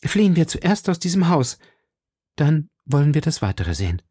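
A man's voice: on the high side, sing-song, moderate pace, warm tone, slightly rough, dry recording, studio quality, pitched above the performer's own voice. A man voicing a frightened young woman in hiding, pleading urgently with her rescuer in a raised voice. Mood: alarmed. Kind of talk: audiobook character voice.

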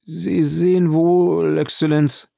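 A man's voice: on the low side, fairly even intonation, moderate pace, creaky, darkish tone, dry recording, clean studio sound. A man voicing a terrified, superstitious male steward who stammers and pleads. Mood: frightened.

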